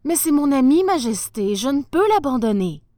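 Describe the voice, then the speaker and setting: A woman's voice: sits high, big pitch swings, normal speed, dark tone, no echo, studio quality, voice pushed up. A woman playing a sincere young man. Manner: respectful, sincere. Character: earnest young man, a cat's loyal owner.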